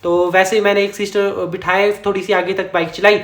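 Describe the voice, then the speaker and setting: Male vlogger, high voice, chatty storyteller who chuckles and corrects himself, echoey room. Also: level tone, brisk, a bit bright, slight background noise. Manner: chatty, rambling, self-correcting, chuckles often. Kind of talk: casual storytime narration.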